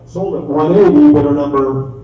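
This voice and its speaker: Male auctioneer for live bid-calling, fast repetitive chant, heard from far off in a dull, very echoey room. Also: a little high, very animated. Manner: rapid repetitive bid chant with filler phrases. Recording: echoey distant dull room sound, faint music.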